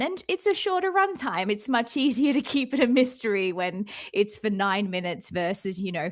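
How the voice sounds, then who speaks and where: A woman's voice: mid-range voice, no room sound, clean studio sound. An Australian woman co-hosting a podcast, chatting casually about a film and laughing often. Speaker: podcast co-host.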